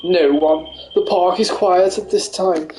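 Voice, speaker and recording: Guy doing a smug posh runner voice, pitched way up, full of himself. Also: steady tone, unhurried, darkish tone, reverberant, soft background music, poor audio. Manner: pompous, self-satisfied. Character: smug posh male jogger witness.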